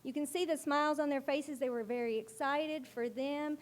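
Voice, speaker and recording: A woman school librarian giving a presentation to a board meeting, with a loud, carrying voice and an earnest, explanatory manner. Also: high voice, steady tone, normal speed.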